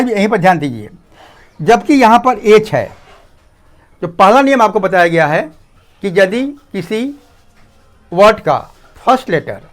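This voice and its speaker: A man teaching a grammar lesson, slow and repetitive, often asking students to pay attention. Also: high-pitched.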